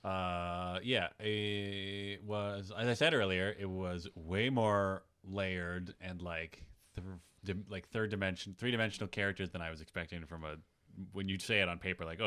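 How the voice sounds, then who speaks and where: A man's voice: low-pitched, pushed and bright, clean tone. A man co-hosting a podcast in casual chat, laid-back and jokey. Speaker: podcast co-host.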